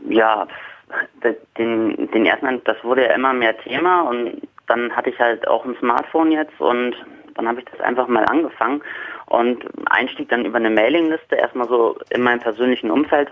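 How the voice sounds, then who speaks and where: Man, caller, phone-in, tinny phone line, mid pitch, halting explanations. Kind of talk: phone-in call. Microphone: telephone.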